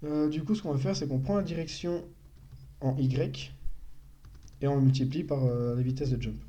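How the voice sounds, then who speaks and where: A man's voice: mid-range voice, moderate pace, warm tone, muffled recording. A young man giving a casual live-stream coding tutorial, thinking aloud and correcting himself as he explains. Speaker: programming tutor.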